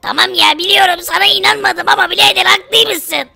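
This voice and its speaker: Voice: very high voice, steady tone, brisk, vocal fry, sharp tone, heavily acted. A performer voicing a jumpy, panicky poor young man in a Minecraft role-play who keeps exclaiming in fright. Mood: panicked. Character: jumpy poor young man, "Fakir", calls friend brother.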